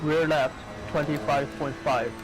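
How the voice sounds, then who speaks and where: A man's voice: on the high side, steady tone, a little slow, music in the background. A man acting as race engineer, giving terse pit radio calls in clipped, matter-of-fact readouts over a distant voice-chat line.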